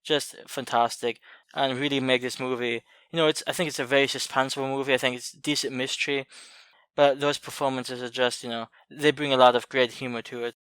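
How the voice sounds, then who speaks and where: A man co-hosting a casual movie podcast, talking thoughtfully with many pauses and light laughs. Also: medium pitch, level tone, a bit bright, clear, resonant tone, dry recording. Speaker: podcast co-host.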